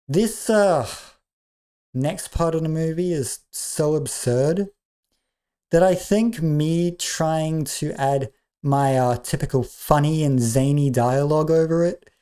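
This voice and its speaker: A man's voice: a little high, mellow, clean tone. A man giving comedic review commentary, sarcastic and exasperated, swearing often. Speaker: movie reviewer.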